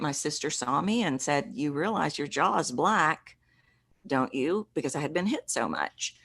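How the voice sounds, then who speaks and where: Woman, low voice, middle-aged, earnest and reflective, interview guest. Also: a bit bright. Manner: earnest, reflective, with halting restarts. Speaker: podcast guest, voice coach. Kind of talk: personal storytelling in an interview.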